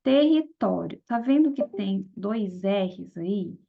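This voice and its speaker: A woman explains grammar in an exam-prep lesson, walking through each step and often checking in with her listeners. Her mid-pitched voice carries a noticeable gravelly fry. The recording sounds dull and lo-fi. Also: animated, slow. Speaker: teacher. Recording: dull lo-fi audio.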